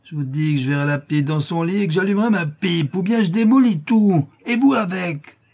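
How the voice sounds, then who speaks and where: A man's voice: medium pitch, normal speed, darkish tone, voice pushed up, close to an everyday voice. A man voicing a drunken, lame, brutish male neighbor who bellows threats in a slurred voice. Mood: menacing.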